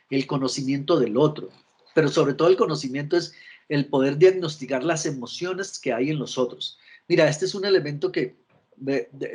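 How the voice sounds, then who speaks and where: A middle-aged man gives a virtual lecture on emotional intelligence, frequently restarting and repeating words while asking his listeners for agreement. His voice is on the high side and slightly rough.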